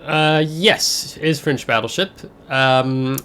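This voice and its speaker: A man's voice: mid-range voice, takes it slowly, pushed and bright, clear, resonant tone. A man hosting a casual game overview, talking in a chatty, rambling way with fillers and self-corrections, his voice a bit congested from air travel. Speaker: gaming channel host.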